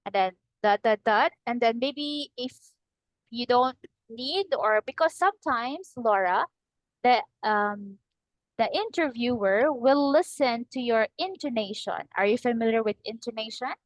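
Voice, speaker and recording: A woman's voice: fairly high pitch, expressive, a little slow, no room sound, low-quality recording. A woman in her twenties from the Philippines, tutoring English in an online lesson, patient and encouraging. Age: 20s. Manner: patient, encouraging, repeats the student's name often. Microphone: video call.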